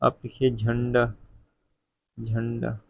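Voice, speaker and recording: A man teaching a Hindi spelling lesson, dictating each word slowly and repeating it, calling his viewers friend. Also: mid-range voice, completely flat delivery, gravelly. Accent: North Indian Hindi. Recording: dull, lo-fi sound.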